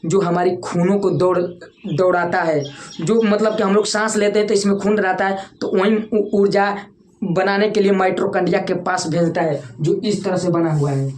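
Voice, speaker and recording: A woman's voice: medium pitch, fairly even intonation, normal speed, a little mellow. A woman with a Bhojpuri-tinged Hindi accent, teaching a classroom lecture. She repeats key terms and keeps asking the students to say them back. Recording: echoey room with faint background noise.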